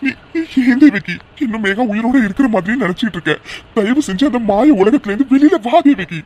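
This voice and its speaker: A man's voice: high-pitched, lively intonation, brisk, a little mellow, a little hiss or hum. A man voicing an anxious, stubborn middle-aged father in a cartoon drama, who repeats his words. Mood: pleading.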